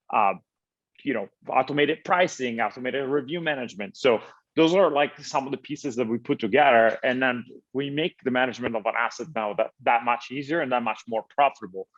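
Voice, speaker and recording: A man from Italy, a business founder, talks through his answers in a casual interview, stopping often, piling up fillers and repeating words as he thinks aloud. His voice sits in an ordinary middle range. The audio is a bit dull and lo-fi. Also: mid-range voice.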